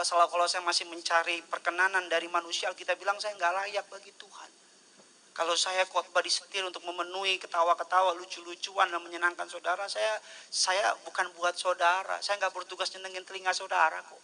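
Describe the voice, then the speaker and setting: A man preaching a sermon as pastor at a church service, lively and joking, mimicking congregants. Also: high voice, gravelly, slight background noise.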